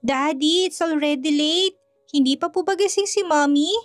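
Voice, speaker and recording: A woman voicing an anxious little girl who pleads in a slow, high child's voice. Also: faint music behind, close to an everyday voice. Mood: pleading.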